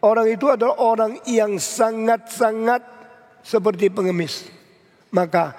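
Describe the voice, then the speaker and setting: An older male pastor preaching a sermon, emphatic, with sharp rises on key words and phrases in English. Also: sits high. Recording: long church hall reverb.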